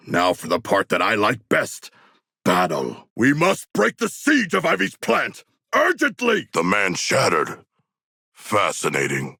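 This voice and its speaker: An actor voicing a humanoid shark warrior in a video game, earnest, proud and bloodthirsty, with stilted, grandiose, formal phrasing. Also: male voice, mid-range voice, gravelly, sharp tone, slightly rough, no echo, clean studio sound, heavily acted. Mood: battle-ready, commanding, then earnest, musing. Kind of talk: video game character voice lines.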